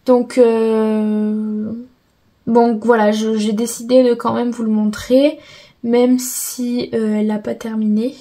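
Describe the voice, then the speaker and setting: A woman's voice: on the high side, little pitch movement, slow, warm tone, rough recording. A woman from France chatting casually about her finished coloring pages, hesitant with many fillers and self-corrections. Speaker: coloring book vlogger. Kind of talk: casual show-and-tell chat.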